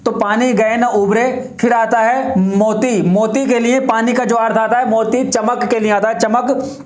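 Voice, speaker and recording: A man teaching a Hindi grammar lesson for exam prep, explaining slowly, repeating examples and asking rhetorical questions. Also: very high-pitched, steady tone, echoey room.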